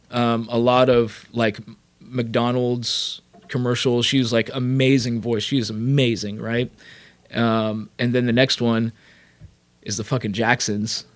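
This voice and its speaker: A man from California, a rapper and producer, telling his career story as a podcast guest in a loose, animated way full of fillers and swearing. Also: mid-range voice. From Sacramento, California. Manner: animated, profane, lots of fillers. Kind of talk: casual storytelling.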